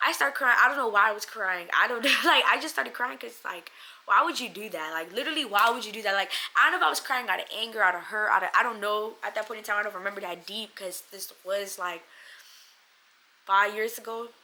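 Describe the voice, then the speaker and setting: A woman telling a casual storytime vlog into her phone camera, animated and slangy, swearing freely and acting out what people said. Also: medium pitch, fast. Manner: animated, slangy, swears a lot, acts out quotes. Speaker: storyteller vlogger.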